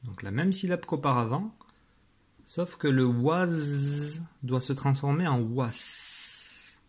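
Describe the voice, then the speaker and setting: A man teaching a spelling lesson, slowly sounding out syllables with patient guidance to a child at home. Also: medium pitch, expressive, slight background noise. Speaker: primary school teacher.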